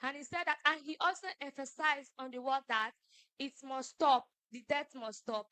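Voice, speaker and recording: A woman asking careful, deliberate questions at a press conference. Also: sits high, sharp tone, no echo. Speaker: audience member asking questions.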